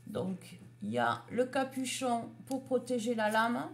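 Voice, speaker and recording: Slow-talking woman showing a craft haul. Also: fairly high pitch, big pitch swings, a little hiss or hum. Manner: slow, chatty, showing items one by one. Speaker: craft vlogger. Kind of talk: casual haul video.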